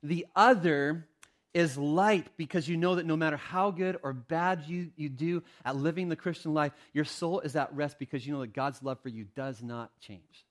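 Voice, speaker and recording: A man's voice: on the high side, normal speed. A man preaching a sermon in a conversational, storytelling way, often restarting his sentences. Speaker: pastor.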